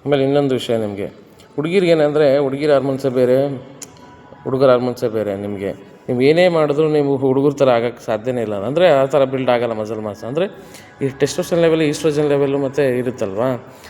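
Talking fast in a warm, mid-range voice, a male fitness trainer guides a woman through a workout. He repeats firm commands and adds tips and explanations along the way. Music plays behind him in a reverberant room.

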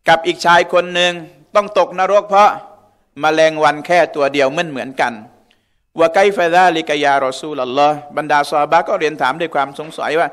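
A man's voice: a little high, brisk, a bit bright. A man giving a conversational religious lecture in a mosque, often asking the audience questions. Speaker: religious teacher.

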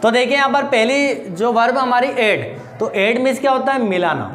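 A teacher giving a grammar lesson, asking rhetorical questions, answering them and slowly repeating each answer. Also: medium pitch, fairly bright tone. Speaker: English teacher. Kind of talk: classroom-style grammar lesson. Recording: roomy echo with faint background noise.

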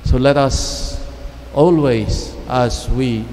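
A middle-aged man preaching a homily at Mass, speaking in measured, halting phrases with pauses, into a lectern microphone. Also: mid-range voice, a little mellow, a little hiss or hum. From Philippines. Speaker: priest. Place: church chapel. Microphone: standing mic at lectern. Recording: long church reverb, faint ambience.

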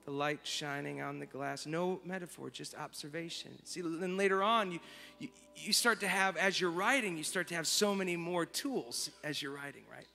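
A man telling a story as a sermon, moving from soft, reflective speech to fervent exclamations. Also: fairly high pitch, normal speed, gravelly. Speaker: worship leader. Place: large church auditorium. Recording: reverberant church hall with music.

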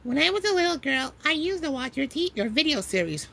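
A woman plays a young woman full of remorse over her lost brother. She speaks in an earnest, pleading tone. Her voice sits very high, bright and sharp in this fan-made puppet show. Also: big pitch swings, fairly quick, creaky, heavily acted. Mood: remorseful.

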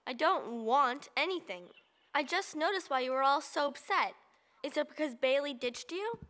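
A woman's voice: high voice, animated, moderate pace, a bit bright. A woman voicing a snooty, scheming teenage mean girl in a cartoon, smug and mock-sweet as she taunts. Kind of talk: animated series voice acting.

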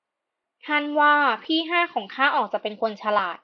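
A cheeky young noble sister, put on by a woman reading a storybook aloud, with a slightly high voice and slow, coaxing delivery. The recording sounds dull and lo-fi. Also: lively intonation. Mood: pleading.

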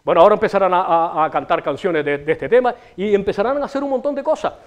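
A middle-aged TV host with a Canarian Spanish accent fires off a rambling, profane comic monologue with sweeping gestures on a local show. He talks fast in a high, animated voice. The small studio behind him has a city backdrop.

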